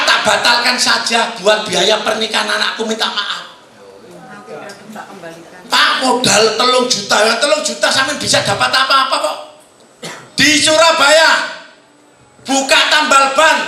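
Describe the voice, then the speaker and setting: A man with an East Javanese accent giving a motivational sales seminar in a hotel hall, quizzing the audience and bursting into shouts. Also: very high voice. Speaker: seminar presenter. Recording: very echoey hall.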